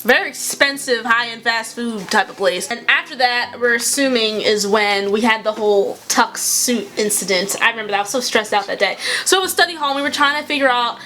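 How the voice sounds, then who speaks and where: A young woman chatting casually, telling a storytime tale with quick asides and frequent laughs. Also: a little high, bright, forceful tone. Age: young adult. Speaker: YouTuber.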